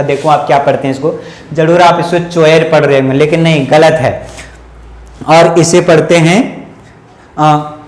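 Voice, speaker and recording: A man with an Indian accent teaching at a slow, repetitive pace. His voice sits a little high, and he keeps quizzing the listener, then answering his own questions. The room around him is echoey. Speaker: English teacher. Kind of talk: Hindi classroom-style lesson on English pronunciation.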